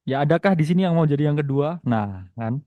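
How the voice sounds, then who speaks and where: A man's voice: fairly high pitch, lively intonation, brisk, dry recording, phone-quality sound. Chatty young Indonesian man teaching a webinar. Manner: chatty, teasing, reads chat aloud, many tag "ya". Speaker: webinar host and trading teacher. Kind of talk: casual online webinar lecture.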